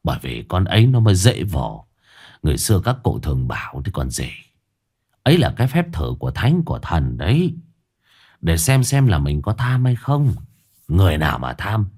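A man voicing an old village husband, slow, deliberate and moralizing. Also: extremely low pitch, sing-song, darkish tone, breathy edge, voice pushed down, exaggerated voice. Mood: lecturing.

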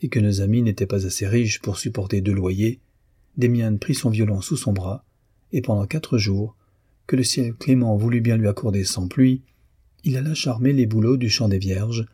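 A man reading a story aloud in measured, expressive narration. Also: lowish voice, slightly rough, dry recording, studio quality. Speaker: audiobook reader. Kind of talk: scripted narration.

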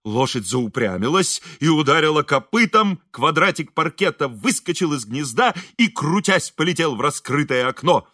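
A man narrating an audiobook in a lively, expressive way. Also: on the high side, moderate pace, hardly any pauses, dry recording, clean studio sound. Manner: lively, expressive, voices characters. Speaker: audiobook reader.

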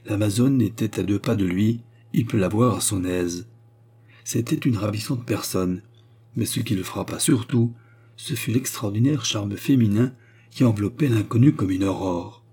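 Low husky male audiobook narrator. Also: moderate pace, mellow. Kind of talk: audiobook reading.

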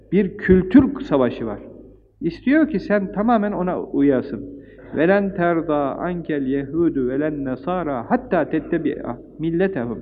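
An older man preaching in an emphatic, rhythmic way, piling up lists and rising on key points. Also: on the high side. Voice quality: recites Arabic verses quickly. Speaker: Islamic preacher. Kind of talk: religious talk. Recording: tinny phone-like old recording in a hall.

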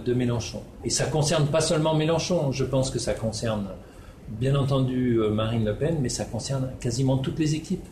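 A man's voice: mid-range voice, dark tone, a little hiss or hum. Hesitant man. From Netherlands. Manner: hesitant, many fillers and restarts. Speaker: researcher. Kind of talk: spoken presentation. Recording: echoey room with faint ambience.

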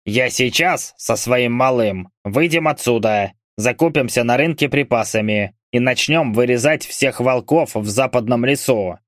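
A man's voice: mid-range voice, measured pace, few pauses, no room sound, clean studio sound, natural voice. A man voicing a grumpy, foul-mouthed male berserker who grumbles and curses. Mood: threatening. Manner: coarse, swearing, grumbling.

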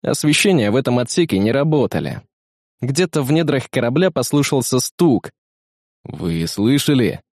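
A man reading an audiobook in steady, even scripted narration on a close mic. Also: mid-range voice, a little fast, no room sound.

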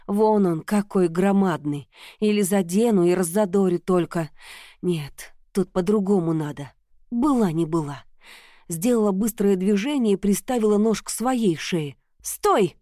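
A woman reading a first-person story aloud in a measured, storytelling manner into a close microphone. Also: mid-range voice, dark tone, dry recording. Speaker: audiobook narrator. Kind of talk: first-person audiobook narration.

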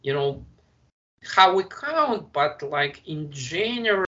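Man, Russian accent, hesitant, many restarts, bright tone, lo-fi sound. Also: fairly high pitch, very animated, takes it slowly. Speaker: guest. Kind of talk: conversational interview.

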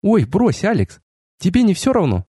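In a dry, close recording, a male narrator plays a haughty young goddess who turns from teasing to furious in a raised, lively voice. She is imperious and quick to flare up. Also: sits high, husky, no echo, voice pushed up, exaggerated voice. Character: haughty proud goddess, young woman, hot-tempered.

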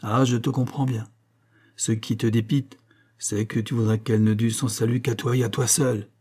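A man voicing a calm young Frenchman who gently reasons with his friend, in a husky, mellow voice. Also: mid-range voice, moderate pace. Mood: persuasive.

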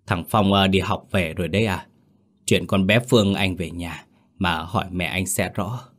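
A man's voice: sits low, fairly even intonation, normal speed. A man voicing an old village man who speaks in a weary, pitying way in an audio story. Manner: weary, sympathetic.

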